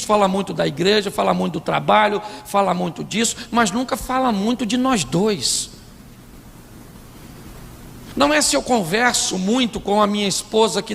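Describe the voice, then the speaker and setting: A man's voice: sits high, creaky, fairly bright tone, slight background noise. A man with a Brazilian Portuguese accent preaching a comic, stand-up style sermon to a live audience, acting out voices and quizzing the crowd. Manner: playful, acts out quoted voices; asks the audience sim ou não. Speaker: pastor. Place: church hall before an audience. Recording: live hall reverb, faint audience.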